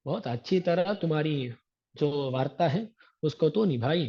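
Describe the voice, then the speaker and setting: A man, a religious teacher, giving a devotional discourse that explains verses with homely everyday examples and gentle humor, reciting scripture slowly. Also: fairly high pitch, animated, husky. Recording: dull lo-fi recording.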